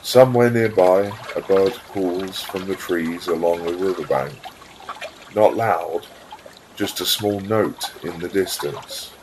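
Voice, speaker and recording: A man with a very low voice reads a scripted guided meditation visualisation very slowly, calm and soothing, leaving space between phrases. Trickling water can be clearly heard behind him, along with background noise.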